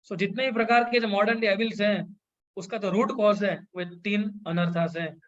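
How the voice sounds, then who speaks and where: Male lecturer, high-pitched, explains scripture and chants verses slowly; a bit lo-fi. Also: fairly even intonation. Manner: chants Sanskrit verses slowly, mixes English phrases. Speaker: devotional speaker.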